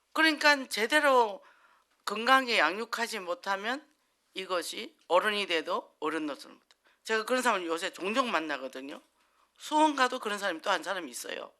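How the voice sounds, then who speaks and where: A woman pastor preaching in a loose, conversational way to a church congregation. Her voice is bright and forceful and swings widely up and down, and she drops into quick acted-out quotes and frequent laughter. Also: medium pitch. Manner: chatty, acts out quotes, laughs often. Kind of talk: conversational sermon.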